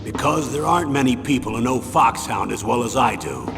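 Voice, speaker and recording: A man's voice: medium pitch, lively intonation, a little fast, gravelly. A man voicing a grave, earnest retired colonel giving a commanding mission briefing in a video game. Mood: candid, weary. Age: older. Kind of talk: dramatic video game voice acting. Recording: long hall reverb, music behind.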